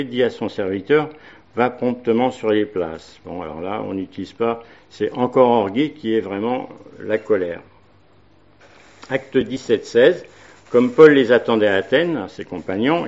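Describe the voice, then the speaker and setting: A man's voice: mid-range voice, gravelly, a little mellow. Hesitant French-speaking man preaching, dull recording. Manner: hesitant, many fillers, reads Bible verses aloud. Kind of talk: sermon.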